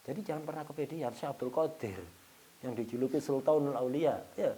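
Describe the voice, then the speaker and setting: A man's voice: mid-range voice, brisk. A man teaching an Islamic study lesson, telling a story and acting out its dialogue, joking and chuckling with his listeners. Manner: storytelling, acting out dialogue with sudden loud and soft turns. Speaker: religious teacher.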